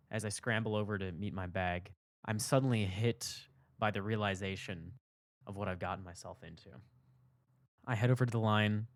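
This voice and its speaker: A young man hosting a podcast, telling a personal story in a candid, reflective way, his voice jumping up for emphasis and dropping low for asides. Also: dry recording, clean studio sound. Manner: reflective, candid, swings between loud emphasis and soft asides. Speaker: podcast host.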